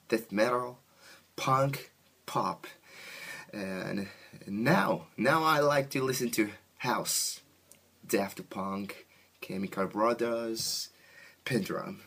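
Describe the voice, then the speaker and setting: This Japanese band musician's voice is on the low side, bright and pushed, as he answers interview questions. His Japanese accent comes through, along with simple, faltering second-language phrasing.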